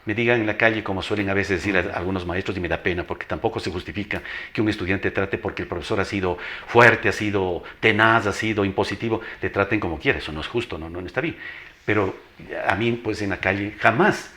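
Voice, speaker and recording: An older veteran teacher with an Ecuadorian accent and a strong, announcer-like voice tells anecdotes as an interview guest, speaking emphatically, repeating phrases and acting out dialogue. His voice is lowish, fast, bright and forceful.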